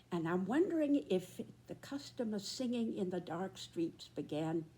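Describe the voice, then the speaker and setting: A woman in her nineties giving a reflective, earnest address in short, halting phrases. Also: lowish voice, warm tone. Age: 90s. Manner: very old person's slow, halting delivery in short phrases.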